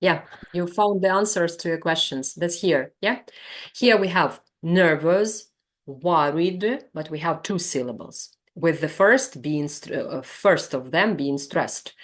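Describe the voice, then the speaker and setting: A woman with a Ukrainian accent teaches trainee teachers in an online session. Her voice sits a little low and her delivery is very slow, patiently repeating each word to model its pronunciation. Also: fairly bright tone.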